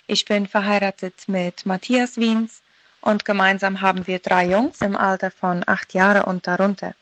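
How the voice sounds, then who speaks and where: A woman's voice: medium pitch, flat delivery, normal speed, a bit bright, no echo, rough recording. Woman, 30s, from Paraguay, devotional radio talk, earnest, reflective, dry sound. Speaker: radio devotional contributor, mother.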